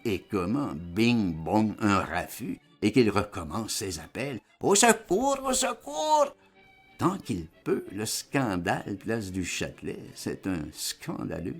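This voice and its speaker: A man giving a lively, theatrical dramatized reading of a literary text as an audiobook. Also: fairly low pitch, vocal fry, husky. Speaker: audiobook reader.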